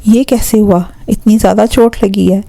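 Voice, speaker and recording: A woman voicing an affectionate older brother who asks gentle, coaxing questions. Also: medium pitch, steady tone, gravelly, dry recording. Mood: caring. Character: caring older brother, soft-spoken and affectionate.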